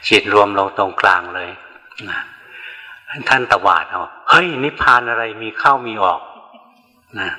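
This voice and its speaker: A man's voice: on the low side, pushed and bright, long reverb tail, poor audio. An older male Buddhist monk giving a dharma talk, telling stories plainly and answering questions from the audience. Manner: plain storytelling, frequent "na" tag.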